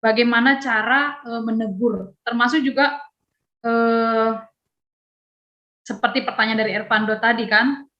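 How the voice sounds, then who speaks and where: A woman, teaching a youth Bible lesson over a video call. She chats lively, laughs often and acts out dialogue. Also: a little high, measured pace, pauses often, highs cut off.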